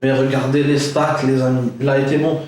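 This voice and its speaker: A man's voice: mid-range voice, little pitch movement, brisk, a little mellow, a little hiss or hum. A young man giving a casual, rambling football reaction vlog, chatty and full of fillers. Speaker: football vlogger. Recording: echoey room, far from mic.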